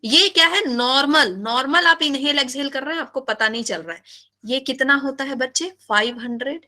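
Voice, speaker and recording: A woman teaching biology in a live class, animated and playful, often asking her students questions. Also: high-pitched, moderate pace.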